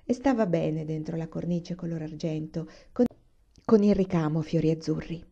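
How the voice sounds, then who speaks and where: A woman reading a children's novel aloud in a calm, unhurried storytelling manner. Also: low voice, gravelly, muffled recording. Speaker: reader.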